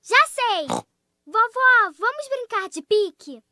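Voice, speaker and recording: A woman voicing a lively, eager young girl piglet in a children's cartoon dub, with childlike delivery. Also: extremely high pitch, slow pace, no echo, clean studio sound, heavily acted. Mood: playful. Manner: childlike, pleading and exclaiming.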